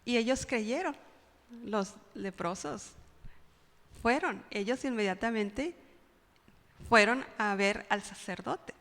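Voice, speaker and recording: A woman preacher gives a sermon in a church, her voice fairly high and trailing into a long hall reverb. She crics out the pleas she quotes and keeps asking her listeners questions. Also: takes it slowly, long pauses, a bit bright. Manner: dramatic cries when quoting pleas, rhetorical questions. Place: church sanctuary.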